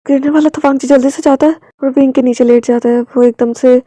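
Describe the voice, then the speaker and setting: A woman narrating a romance story in a quiet, intimate reading voice. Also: high voice, fairly even intonation, quick pace, no echo.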